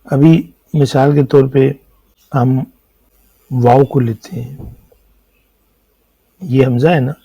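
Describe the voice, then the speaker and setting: Man, Pakistani Urdu accent, patient lecture tone, husky, dry close sound. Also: mid-range voice, fairly even intonation, pauses often, warm tone, dry recording, poor audio. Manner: patient, explanatory, asks and answers own questions. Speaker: Arabic teacher. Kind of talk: classroom lecture explaining script.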